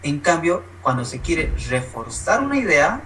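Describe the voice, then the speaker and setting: A man's voice: big pitch swings, normal speed, a bit bright, recorded from a distance, slight background noise, low-quality recording. A man giving an online workshop lesson, explaining points step by step and acting out short spoken examples. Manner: instructive, uses spoken examples, varies pitch for emphasis. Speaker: workshop presenter.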